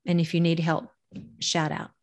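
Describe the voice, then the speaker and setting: Speaking at a moderate pace in a low voice, a middle-aged woman who works as a voice coach gives emphatic public speaking tips during a podcast interview where she is the guest. She's animated and elongates words for effect.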